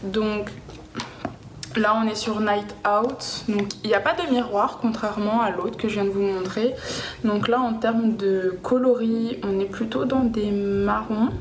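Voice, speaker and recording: A woman's voice: mid-range voice, steady tone, unhurried. A woman chatting casually through a makeup haul, hesitant and full of fillers, recorded at home. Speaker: beauty vlogger. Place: home room with a cat nearby. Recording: echoey room with background noise.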